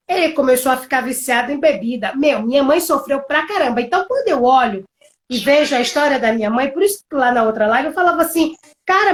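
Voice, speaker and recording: A woman co-hosting a live stream, casually and dramatically retelling her family's story over a video call. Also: sits high. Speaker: co-host of a couples live stream.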